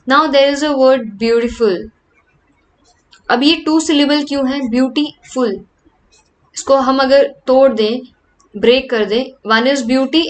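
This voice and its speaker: A woman with a high-sitting voice gives a grammar lecture, reading example sentences slowly before explaining them more quickly in Hindi.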